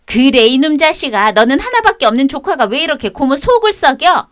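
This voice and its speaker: A sneering, domineering middle-aged sister-in-law from a radio drama, voiced by a woman. Her voice sits high and swings widely as she scolds and mocks. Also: very animated, brisk, fairly bright tone. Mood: scolding.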